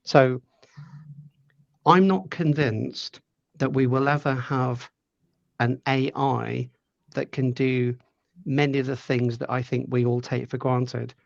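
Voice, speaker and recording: A middle-aged man talks through his views in a measured, thoughtful way, often doubling back on words as he thinks. His voice has a gravelly edge. The sound is dry and a little dull, with no room around it. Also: medium pitch, fairly even intonation, no room sound. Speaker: podcast guest. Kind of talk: conversational interview answers.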